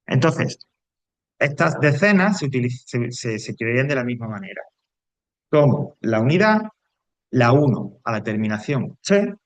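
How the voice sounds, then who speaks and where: Teacher, patient step-by-step explaining. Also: male voice, mid-range voice, no room sound. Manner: explains step by step, often checks in with the class. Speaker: English teacher. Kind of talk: explanatory recorded lesson.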